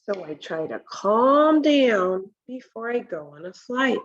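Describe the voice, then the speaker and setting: A woman presents a slow read-aloud of a children's picture book indoors in a home kitchen, her higher voice swinging widely in pitch through dull-sounding audio. She comments deliberately and instructively, posing questions to young listeners.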